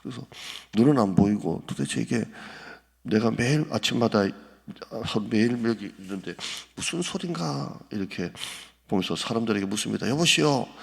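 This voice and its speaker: A man preaching a dawn prayer sermon as pastor, retelling scripture with acted voices and rising to loud pleading. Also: fairly low pitch, gravelly, breathy edge. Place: church sanctuary. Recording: echoey church hall.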